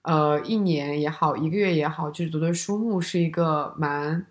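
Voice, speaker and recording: Woman, podcast co-host, lower voice, reflective chatty delivery, echoey room at home. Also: normal speed. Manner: reflective, thinks aloud with many fillers. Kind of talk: casual chat. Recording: roomy home recording.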